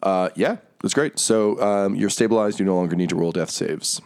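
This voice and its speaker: A deep-voiced man running a tabletop game. He narrates loosely, with lots of fillers, laughs and the odd curse. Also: normal speed, darkish tone. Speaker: game master.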